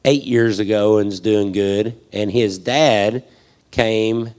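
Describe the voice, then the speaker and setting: A man's voice: on the low side, steady tone, takes it slowly, darkish tone. A man, a ministry leader speaking to a church crowd in a rambling, folksy, long-winded way. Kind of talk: casual speech to a church crowd.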